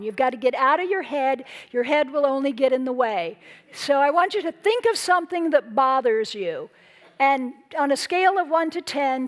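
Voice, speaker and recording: Woman speaker, high voice, earnest and emphatic, inspirational stage talk. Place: stage before a live audience.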